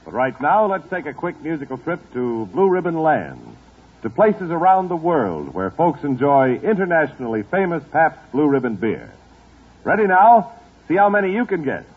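A man announcing a 1940s radio show, brisk and upbeat like a salesman, heard from an old broadcast disc. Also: fairly high pitch, big pitch swings, breathy edge, phone-quality sound. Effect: old broadcast disc sound.

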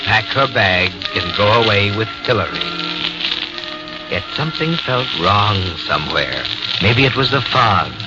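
An ominous, all-knowing storyteller narrates a vintage radio mystery. His voice is low, deliberate and suspenseful. Loud music plays behind him on a dull old recording. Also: sing-song. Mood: brooding. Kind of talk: 1940s radio drama narration.

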